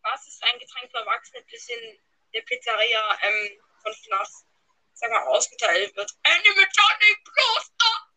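Bright high-voiced joking woman. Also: steady tone, moderate pace, no echo, low-quality recording. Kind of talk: casual podcast chat.

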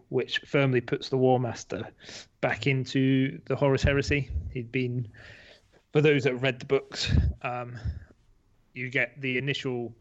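A man's voice: mid-range voice, lo-fi sound. A man co-hosting a podcast, talking in a rambling, enthusiastic way with many ums. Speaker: podcast co-host. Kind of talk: casual podcast chat.

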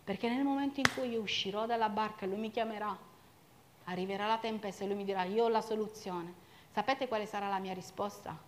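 A woman preaching a sermon with passion, swinging between loud urging and quiet reflection. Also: mid-range voice, steady tone, fast, slight background noise.

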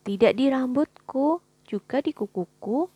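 A woman voicing a curious, blunt young girl in a storybook reading, with a breathy voice and eager, bright questions. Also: sits high, expressive, a little slow, dry recording, pitched above the performer's own voice, heavily acted.

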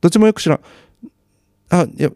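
A man's voice: fairly high pitch, expressive, fast, vocal fry, mellow, dry recording, studio quality. A man chatting casually on his own while watching TV, with chatty asides and self-deprecating remarks. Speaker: solo podcaster.

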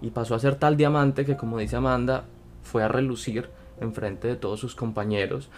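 A man's voice: medium pitch, steady tone, moderate pace, a little mellow, slight background noise. A man hosting a casual motivational talk, speaking in an earnest, coaching way. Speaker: podcast host.

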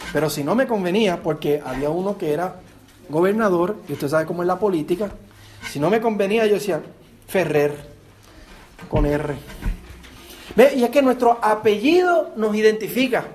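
A man with a Puerto Rican accent delivers a sermon in a fairly high voice. He preaches earnestly, repeating words and turning to his listeners with direct questions. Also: lively intonation, brisk, darkish tone. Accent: Puerto Rican Spanish. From Puerto Rico. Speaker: pastor.

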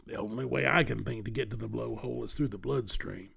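A man's voice: mid-range voice, fast talker, creaky, a bit bright, breathy edge, heavily acted. A man reading a storybook and voicing a friendly, earnest, good-humored male monster in a plain storybook delivery.

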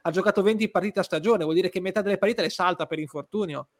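High-voiced man arguing football. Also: fast. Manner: argumentative, sweary, explanatory. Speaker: football fan panelist. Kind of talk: casual football discussion.

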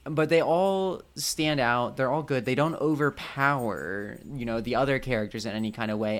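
A man co-hosting a film podcast, chatting casually and rambling with many fillers. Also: medium pitch. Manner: rambling, heavy use of "like" fillers. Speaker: podcast co-host.

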